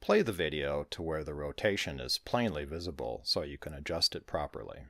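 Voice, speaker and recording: Low-voiced guy doing a computer how-to voice-over, calm step by step, dry close sound. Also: a little fast, dry recording. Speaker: tutorial host. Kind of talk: screen-recorded software tutorial.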